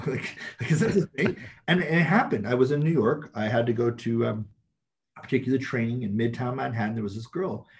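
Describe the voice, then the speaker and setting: A man's voice: mid-range voice, a little fast. A man talking bluntly and emphatically as an interview guest, laughing often as he makes his points. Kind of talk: casual chat.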